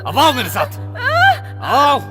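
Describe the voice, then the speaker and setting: A man voicing a possessive, menacing psycho captor in a dubbed film, swinging from shouted orders to soft, creepy murmurs. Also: very high voice, big pitch swings, slow pace, loud music behind the voice, heavily acted. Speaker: voice actor in a film dub. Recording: dubbed dialogue over loud film score.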